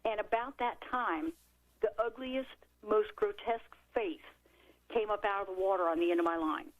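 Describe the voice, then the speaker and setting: A middle-aged woman, an author and radio guest, telling a childhood story in a lively way and acting out the quotes. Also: medium pitch, normal speed, narrow, tinny audio. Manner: lively, animated storyteller who acts out quotes. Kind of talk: storytelling in a talk radio interview.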